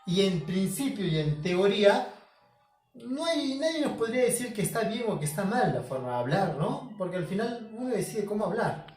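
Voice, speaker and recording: A man teaching a home-schooling language lesson, explaining slowly, repeating key words and asking himself questions as the student would. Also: sits high, big pitch swings, darkish tone, distant mic, soft background music. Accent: Peruvian Spanish. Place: home room. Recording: echoey room, voice from off the mic.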